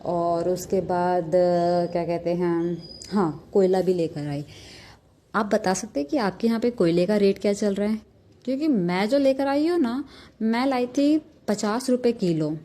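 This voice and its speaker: A woman's voice: mid-range voice, measured pace, warm tone. A young woman chatting through her daily vlog, telling rambling stories full of fillers. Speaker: vlogger. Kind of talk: casual daily vlog narration.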